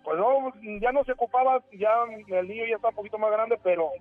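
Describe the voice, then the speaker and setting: Caller, male, 40s, higher voice, halting storyteller, tinny phone line. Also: no room sound, soft background music. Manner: rambling, halting storyteller with many restarts. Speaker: radio caller. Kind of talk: telling a ghost story on a call-in show. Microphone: telephone.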